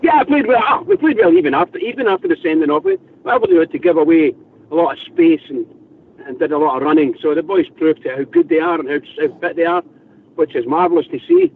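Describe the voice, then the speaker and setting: A man calling in over the phone, an animated, worked-up football fan with a raspy voice. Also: fairly high pitch, fast talker, slight background noise. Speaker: caller. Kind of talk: casual call-in chat. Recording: muffled phone line from far off.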